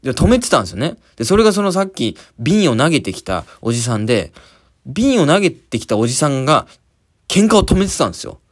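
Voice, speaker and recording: A man's voice: a little high, sing-song, fast. A man hosting a podcast, telling a story in a casual monologue and acting out scenes with sound words. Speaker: podcast host.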